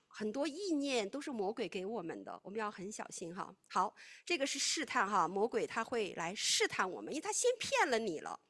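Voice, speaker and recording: A woman preaching a sermon, teaching in an animated way that swings between loud, emphatic stretches and hushed, quiet ones. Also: a little high, slightly rough.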